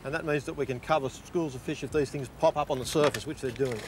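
A man's voice: mid-range voice, fast talker, noisy background. A middle-aged man, chatting casually on a boat at sea as a fishing buddy and explaining the fishing gear in a laid-back way.

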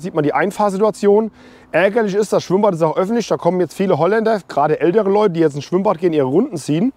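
A man's voice: sits high, darkish tone. A man in his forties walking around a campground, chatting casually to viewers about what it offers. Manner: chatty, opinionated, addresses viewers directly. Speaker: camping vlogger. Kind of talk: casual walk-and-talk review. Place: outdoors on a campground. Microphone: small clip mic on hoodie, camera held at arm's length.

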